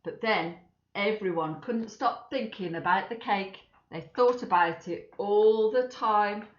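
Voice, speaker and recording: Speaking slowly in a mid-range voice, a woman reads aloud to schoolchildren, giving the story plenty of expression and pausing for friendly asides to the kids. Echo fills the room, and the audio is a touch dull.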